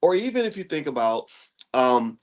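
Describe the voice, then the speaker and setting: A man's voice: fairly high pitch, very animated, moderate pace. Chatty middle-aged man explaining ideas. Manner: conversational, rambling with restarts, asks listeners "right?". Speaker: commentator on economics. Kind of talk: casual lecture-style talk.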